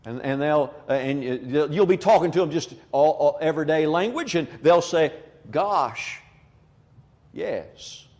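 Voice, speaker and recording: A man preaching a sermon in an animated way, often acting out imagined back-and-forth conversations. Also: a little high, moderate pace, few pauses, in a large hall. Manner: animated, acts out imagined dialogues.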